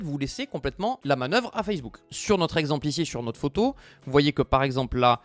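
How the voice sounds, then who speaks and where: A man explaining an online advertising tutorial, often checking in with "ok?" as he teaches. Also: a little high. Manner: didactic, checks in with "ok?" and "d'accord?" often. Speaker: dropshipping trainer. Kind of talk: screen-share tutorial explanation.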